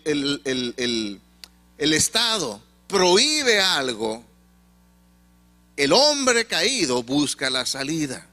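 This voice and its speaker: A man from Monterrey, preaching a sermon with emphatic swings and pauses. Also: fairly high pitch, pushed and bright. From Monterrey, Mexico.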